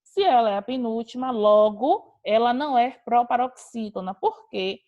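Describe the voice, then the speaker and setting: A woman's voice: a little high, animated, moderate pace, no echo, narrow, tinny audio. A woman teacher giving an online class, explaining grammar rules step by step. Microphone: video call.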